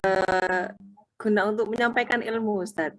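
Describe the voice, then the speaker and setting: A woman's voice: mid-range voice, steady tone, moderate pace. A young woman student, giving hesitant, giggly answers to her teacher in class.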